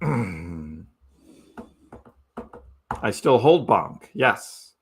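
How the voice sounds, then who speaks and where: A man's voice: on the low side, sing-song, extremely slow, vocal fry, a little hiss or hum. A man hosting a live crypto stream, giving casual chart commentary and asking his audience rhetorical questions. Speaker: crypto livestream host.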